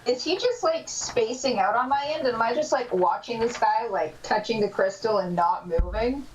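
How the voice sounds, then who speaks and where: Excitable woman player at a game table. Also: on the high side, moderate pace. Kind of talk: casual game talk. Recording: distant mic with faint hiss.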